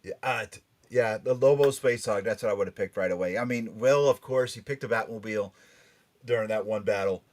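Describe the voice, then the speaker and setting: A podcast and radio host runs a casual panel show, bantering, introducing topics, and often repeating phrases for emphasis. His voice is fairly low and darkish, and he talks a little fast.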